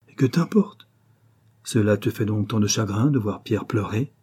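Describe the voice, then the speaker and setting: A man voicing a stern, angry older father who shouts in outrage, with a hoarse low edge. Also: normal speed. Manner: loud, harsh, outraged.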